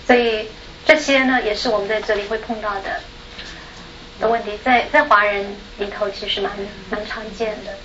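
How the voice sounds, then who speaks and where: A woman's voice: mid-range voice, fairly even intonation, normal speed, background noise. A woman from Taiwan with a Taiwanese Mandarin accent, telling a personal story in a chatty way as a panel speaker. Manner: chatty, tags sentences with a soft particle, laughs often. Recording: echoey room, dull sound.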